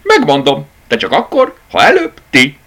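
A man's voice: huge pitch swings, full character voice. A man voicing a cheeky, insolent rabbit in a children's storybook reading, offhand and snappy. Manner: snappy, offhand, high and sharp. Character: cheeky idle rabbit, plush-toy world, insolent.

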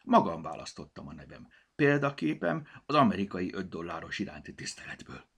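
A man's voice: low-pitched, big pitch swings, gravelly, a bit bright, slightly rough, full character voice. A man voicing a proud male talking silver coin in a children's storybook, haughty and a bit of a know-it-all.

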